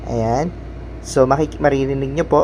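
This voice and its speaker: In this casual app tutorial, the male host walks through each step politely, giving instructions and falling back on repeated verbal tags. He has a medium-pitched, darkish voice with a steady tone and moderate pace, recorded over an obvious background hum.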